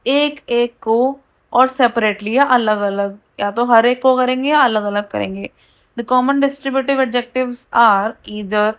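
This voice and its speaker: A woman with an Indian accent who teaches a grammar lesson. She reads the English rules out slowly and then explains them quickly. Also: fairly high pitch, fairly bright tone.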